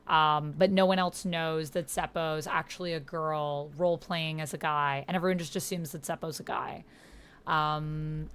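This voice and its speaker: With a lowish, clear, resonant voice, a woman casually livestreams a text-based roleplaying game, thinking aloud and reading out messages as she types them. Computer keyboard typing produces noticeable background noise.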